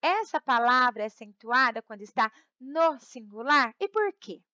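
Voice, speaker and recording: A woman's voice: a little high, sing-song, moderate pace, bright, forceful tone, no room sound. A woman teacher with a Brazilian Portuguese accent, explaining a lesson patiently and checking in often with her students. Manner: patient, repeats words and checks in with "tá?". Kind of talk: recorded remote class lesson. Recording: slightly dull, dry close recording.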